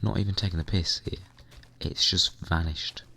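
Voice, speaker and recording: A young man with a hoarse, croaky voice, chatting casually and rambling while playing a computer game. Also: low-pitched, fairly even intonation, normal speed, sharp tone. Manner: rambling, chatty, mild swearing. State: hoarse, recovering lost voice. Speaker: gaming vlogger. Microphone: desk microphone at computer.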